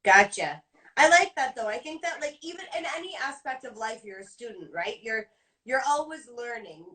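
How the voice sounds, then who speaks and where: A woman's voice: on the high side, animated, normal speed, pushed and bright, distant mic. A woman hosting a casual interview, asking friendly, looping questions. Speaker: host.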